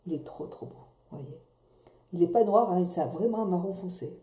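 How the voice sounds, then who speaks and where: A woman's voice: lowish voice, animated, moderate pace, mellow. Chatty woman in an echoey room. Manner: chatty, hesitant, many fillers and restarts. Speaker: beauty vlogger. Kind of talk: casual product review. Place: home room. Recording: echoey room with faint noise.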